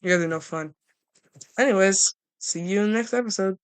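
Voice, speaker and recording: A casual gameplay commentator talks through their progress in a loose, rambling way, breaking off and restarting sentences. The voice sits at a middle pitch and has a playful, joking manner with viewers. The recording is dry, with no room echo. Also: fairly quick, clean tone. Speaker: gameplay video creator.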